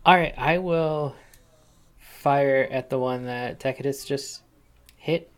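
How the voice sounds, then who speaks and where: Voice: medium pitch, takes it slowly, clear, resonant tone. A player in a tabletop game, talking in an easygoing way. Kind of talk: casual tabletop game talk.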